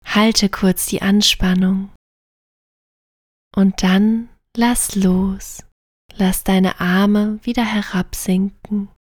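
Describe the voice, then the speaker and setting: A woman narrates a bedtime sleep story with guided relaxation, her medium-pitched voice gentle and soothing, at times close to a whisper. It's studio quality with no room sound.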